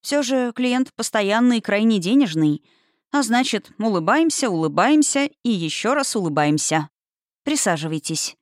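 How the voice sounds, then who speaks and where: A woman reading the part of a bossy yet easily flustered young matchmaker in an audiobook, speaking in a lively way. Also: mid-range voice, normal speed, dry recording, studio quality, pitched above the performer's own voice, natural voice.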